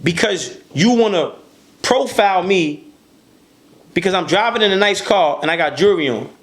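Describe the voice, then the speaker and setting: A man's voice: high voice, expressive, moderate pace, a bit bright. A man speaking as a podcast guest, emphatic and profane, repeating words as he pushes his point. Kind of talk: heated interview talk.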